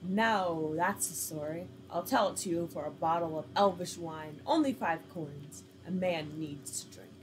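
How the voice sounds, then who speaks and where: A woman reading the lines of a sly older male soldier who talks in a smooth, wheedling way. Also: fairly low pitch, measured pace, hardly any pauses, a little hiss or hum, natural voice, low-quality recording.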